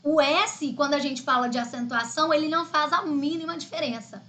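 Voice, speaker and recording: Brazilian woman teacher, high bright voice, chatty live-class explainer. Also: a little fast. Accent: Brazilian Portuguese. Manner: chatty, explaining step by step with frequent "né?" and "tá?". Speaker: Portuguese teacher. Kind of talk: live online exam-prep lesson.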